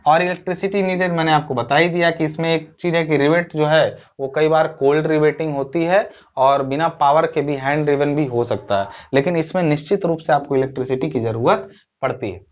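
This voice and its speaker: A civil engineering teacher, a man with a slightly high voice, gives a recorded online lecture where the highs are cut off. He explains step by step, asks and answers his own questions, and often checks in using short tag phrases.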